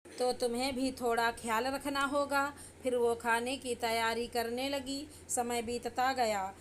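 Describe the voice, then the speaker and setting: A woman storyteller narrating a moral story in an even, measured reading. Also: a little high, a little hiss or hum.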